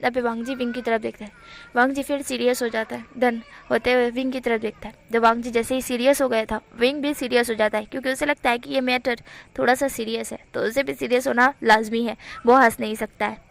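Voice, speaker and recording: A young woman retells a romance fan story in a relaxed, chatty way, talking straight to her viewers. Her voice sits high and carries a gravelly fry. She slips into the characters' quoted lines as she goes. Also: a little fast. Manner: chatty, addresses listeners as guys, mixes English words. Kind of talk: casual story retelling with acted dialogue.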